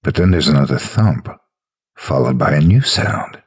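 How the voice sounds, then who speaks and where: A man narrating a scary story in a dramatic, suspenseful style, with a low, haunting, gravelly and husky voice. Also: lively intonation, normal speed, a little mellow.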